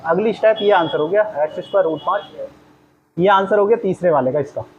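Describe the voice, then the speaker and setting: A man's voice: high-pitched, fast, dull audio, a little hiss or hum. A man teaching a math lesson in a classroom, walking through each step aloud and quizzing the class with questions.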